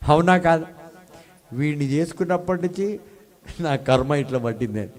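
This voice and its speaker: A man's voice: on the high side, expressive, moderate pace, a little mellow. A man preaching a sermon with call-and-response to his congregation, often climbing into stretched, emphatic phrases on a handheld mic. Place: healing service hall. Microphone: handheld microphone.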